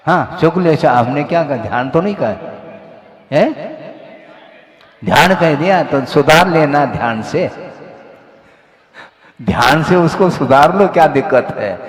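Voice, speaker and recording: Monk giving a sermon, slow n teacherly, keeps asking "hm?", big roomy hall echo. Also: male voice, a little high, animated. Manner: slow, questioning, teacherly, stresses points with "hm?" and "haan". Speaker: Jain monk preacher. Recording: echoey hall, long reverb.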